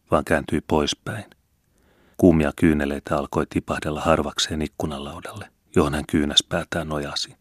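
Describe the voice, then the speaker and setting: Extremely deep-voiced male audiobook reader. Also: a bit bright, breathy edge, dry recording, studio quality. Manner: measured, earnest storytelling. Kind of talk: scripted narration of a classic novel.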